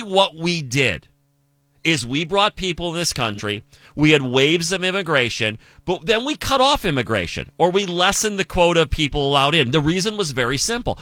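A man's voice: fairly high pitch, bright, forceful tone, dry recording. A man from the United States hosting a political commentary show, talking emphatically and asking rhetorical questions.

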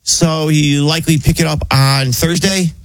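A man's voice: a little high, steady tone, moderate pace, no room sound. A man on a radio show chatting casually, hesitant and repeating himself. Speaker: radio show cast member. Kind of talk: casual chat.

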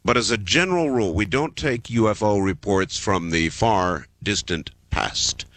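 Smooth-voiced male radio host, bright and lively. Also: on the low side, dry recording. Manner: smooth radio host delivery, calm and measured, leaning into repeated phrases. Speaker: radio call-in show host. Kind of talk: late-night call-in radio talk. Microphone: studio broadcast microphone.

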